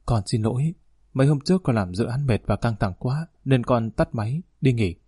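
A man's voice: mid-range voice, animated, dark tone, slightly rough, no echo, studio quality. A man voicing a defiant, sulky grown son arguing back at his father in an audiobook reading. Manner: defiant, rapid, whining. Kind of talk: audiobook narration.

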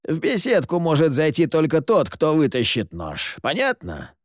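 A man voicing a sick, sardonic grown man who hides in the dark and curses with Spanish words. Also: fairly high pitch, wildly swooping pitch, moderate pace, dry recording, clean studio sound, pitched above the performer's own voice. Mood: gruff. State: ill, coughing.

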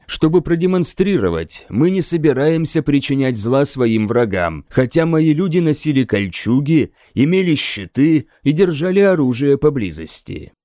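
A man narrates a first-person audiobook in a measured, dryly ironic storytelling manner. His pitch moves in a lively way through the phrases. The recording is close and dry, with no room sound. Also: no echo.

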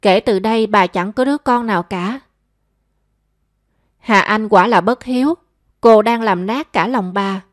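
A woman narrating an audiobook story in a steady, even storytelling voice. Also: medium pitch, a little slow, long pauses, no room sound, studio quality.

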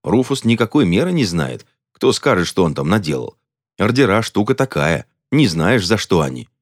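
A man's voice: sits low, big pitch swings, normal speed, dry recording, clean studio sound, full character voice. A man voicing a grumpy older stoker who bickers and blusters. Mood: grumbling.

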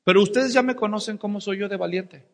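Dramatic preacher in a reverberant hall. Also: male voice, sits high, fast talker. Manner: dramatic storyteller, shouting and whispering for effect. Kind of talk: sermon with personal story.

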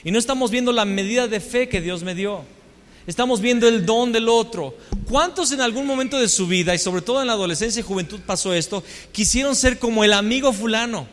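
A man's voice: high voice, fairly quick, a bit bright. A man with a Mexican accent preaching a storytelling sermon, full of rhetorical questions and self-mocking humor. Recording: long hall reverb.

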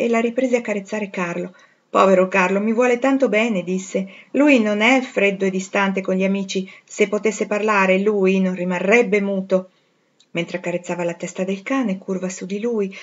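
A woman narrating a classic novel in a measured, expressive reading, on a dull lo-fi recording. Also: medium pitch. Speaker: audiobook reader. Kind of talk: literary audiobook narration.

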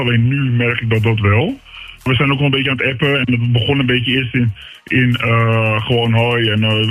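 A young man whose voice is disguised and pitched deep, so he stays anonymous. He sounds husky and tells his story in a hesitant way, stopping and restarting often. Faint music plays underneath. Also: a bit bright, poor audio. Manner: hesitant, many fillers and restarts. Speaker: anonymous listener calling in. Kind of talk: casual personal story.

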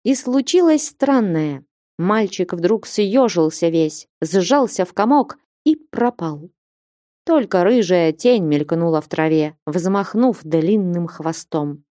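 A woman's voice: fairly low pitch, expressive, slow pace, warm tone, no echo, clean studio sound. A woman reading an audiobook expressively, voicing the story with dramatic emphasis. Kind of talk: audiobook narration.

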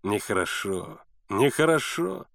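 A man's voice: mid-range voice, sing-song, unhurried, no echo, studio quality. A man voicing a sly, mocking adult male boatman in a sneering, reproachful manner for an audiobook. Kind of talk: audiobook character voice.

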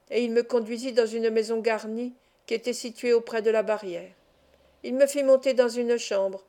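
A woman narrating a classic novel as an audiobook reader, calm and measured. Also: on the high side.

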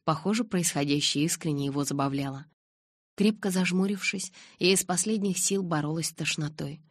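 A woman narrating an audiobook in the first person with a steady, expressive reading. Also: deep voice, fairly quick, no echo, studio quality.

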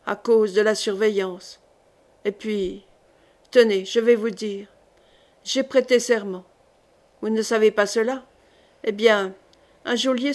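A woman reading a calm, ironic old jailer. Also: a little high, close to an everyday voice. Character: gruff older male jailer, calm and ironic. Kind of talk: audiobook character reading.

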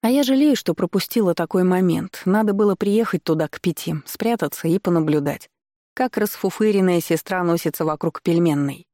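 A woman's voice: on the low side, a little fast, dark tone, no echo. A young woman narrating a first-person audiobook in a wry, mocking tone, recorded on a close studio mic.

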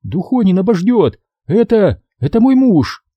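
A man voicing a frantic young woman in an audiobook, pleading shrilly and then barking orders with a sharp tongue. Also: high voice, big pitch swings, unhurried, husky, dry recording, muffled recording, pitched above the performer's own voice, heavily acted. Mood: fierce.

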